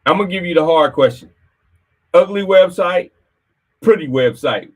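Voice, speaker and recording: A man co-hosting a business talk show, chatting casually and teasing his guest with quick questions. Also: sits high, animated.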